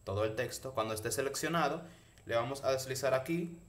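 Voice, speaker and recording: A man with a medium-pitched voice hosts a casual how-to tutorial. He speaks straight to the viewers and walks them through each step in an instructional way. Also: fairly quick. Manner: instructional, addresses viewers directly. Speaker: tutorial host.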